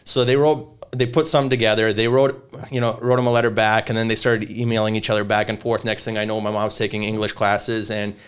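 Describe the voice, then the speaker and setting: A young man from Lithuania, talking casually as a podcast guest. His voice sits low and sounds clean and resonant. He rambles through his story with lots of fillers and restarts. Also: little pitch movement, fast, hardly any pauses, clean tone. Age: 20s. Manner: rambling, hesitant, many fillers.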